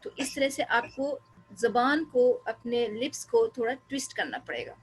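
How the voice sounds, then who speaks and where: A woman teaching an English pronunciation lesson, drawing out each sound and repeating words slowly while switching between Hindi and English. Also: a little high, lively intonation, faint music behind, rough recording.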